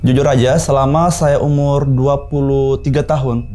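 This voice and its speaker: Young man, 20s, from South Sulawesi, warm mellow voice, slow casual horror storytelling. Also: mid-range voice, fairly even intonation. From South Sulawesi, Indonesia. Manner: unhurried, many pauses and fillers. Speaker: guest storyteller.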